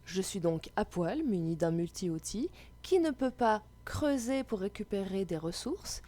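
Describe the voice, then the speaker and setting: A woman's voice: mid-range voice, expressive, a little slow, dark tone. A woman ranting about her game as a fed-up, sarcastic raging gamer who explains her misfortune step by step. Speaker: gamer telling a gaming story. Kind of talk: gaming rant, explanatory narration.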